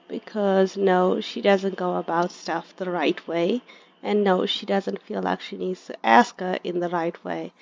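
A gaming video creator with a fairly low, gravelly voice chats casually about her gameplay and talks to her game characters. The lo-fi recording sounds slightly dull.

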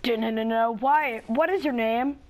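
A young woman with a fairly high voice chats her way through a game session, talking quickly and restarting her sentences. A faint hiss sits under the recording. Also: a little mellow, low-quality recording. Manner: chatty, talks fast and restarts often. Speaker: gaming channel host. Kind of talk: casual gameplay chat.

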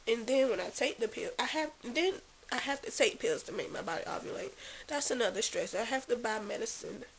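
A woman's voice: on the high side, expressive, fairly quick. A woman in her thirties, tearful as if after crying, speaking in a drained, downcast way in an emotional confessional vlog. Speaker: vlogger. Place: small bedroom, lying in bed. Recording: hissy, noisy home camera recording.

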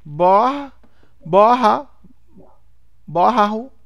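Man playing a stammering clumsy sports pundit, gravelly voice, high and lively pitch, comic co-host. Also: fast talker, highs cut off, exaggerated voice. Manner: stumbles and stammers over each name. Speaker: comedy show co-host.

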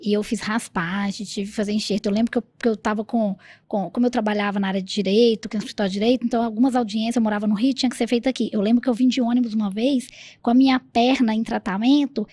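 A soft-spoken woman with a Brazilian Portuguese accent, hosting a podcast in a gentle, quiet manner. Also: a little high, slightly rough, dry recording. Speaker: podcast host. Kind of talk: casual conversation.

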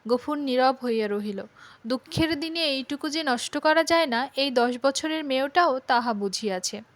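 A woman narrating a classic Bengali story in a measured, expressive storytelling voice. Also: high-pitched, no echo. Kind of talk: literary audiobook narration.

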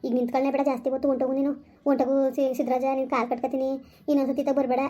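A woman playing a frightened married village woman in a family skit, pleading desperately and talking fast. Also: high voice, level tone, warm tone.

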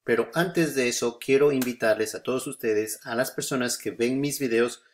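Patient man teaching software step by step. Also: medium pitch, normal speed, a little hiss or hum. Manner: patient, repeats steps, frequent filler "eh" and "¿no es cierto?". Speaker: photography tutorial host. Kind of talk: screen-recorded software tutorial.

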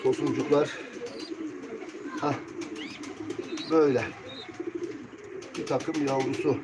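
Speaking slowly with a medium pitch and fairly even intonation, a man hosts a live bird auction stream in a relaxed, colloquial manner. He addresses viewers familiarly while greeting them and displaying birds. The audio is muffled and noisy, backed by cooing pigeons and birdsong.

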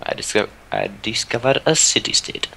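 A man's voice: mid-range voice, brisk, gravelly, sharp tone, slight background noise. A young man chatting casually during an online multiplayer strategy game, joking, teasing and swearing while talking through a headset. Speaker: multiplayer gamer. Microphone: headset with earphones.

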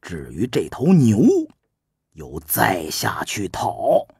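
A man voicing a shrewd, calm male strategist who talks low and softly coaxes. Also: takes it slowly, creaky, husky, dry recording, studio quality, heavily acted. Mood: coaxing. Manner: low, soft, patiently coaxing.

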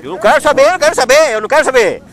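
A man's voice: very high voice, big pitch swings, rapid-fire, a bit bright, a little hiss or hum. A man speaking, vlogging outdoors at a motorcycle meetup and teasing friends in a joking mock confrontation. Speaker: motovlogger. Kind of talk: casual vlog chat.

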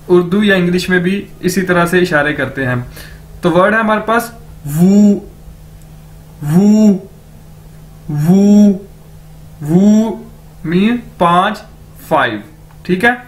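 A man's voice: high-pitched, fairly bright tone. A man teaching a beginner language lesson, patiently explaining pronunciation and repeating each word several times.

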